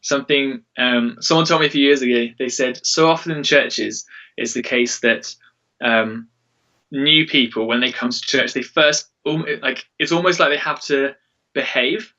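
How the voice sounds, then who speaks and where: A man's voice: medium pitch, normal speed, sharp tone. A man speaking casually and earnestly in an interview as a church worship leader, in an informal way. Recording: dull, distant-mic recording.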